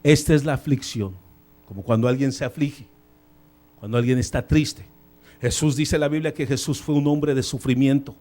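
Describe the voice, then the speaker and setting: In a church sanctuary, a male pastor preaches a sermon in animated bursts, alternating loud emphasis with quiet asides and occasionally slipping in English phrases. His voice is medium-pitched and his speed normal.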